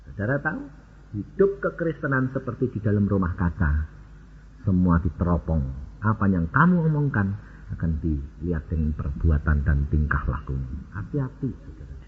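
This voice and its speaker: A man's voice: low voice, moderate pace, slight background noise. A middle-aged man, preaching a storytelling sermon and asking the congregation questions. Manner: lively storytelling, acts out dialogue, asks the congregation questions. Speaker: evangelist preacher. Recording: dull lo-fi sermon audio.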